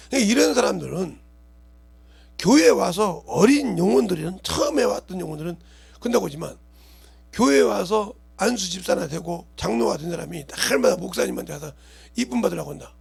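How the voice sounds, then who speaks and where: A middle-aged man, a pastor, preaching a sermon that swings between loud shouting and quiet murmuring and often asks the congregation questions. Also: sits high, gravelly, husky.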